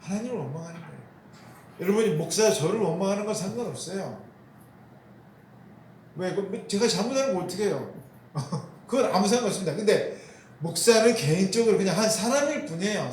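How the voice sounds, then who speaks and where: A man's voice: high-pitched, a little mellow. A man preaching a sermon as pastor, asking the congregation questions and answering them himself, and repeating key phrases for emphasis. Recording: roomy echo.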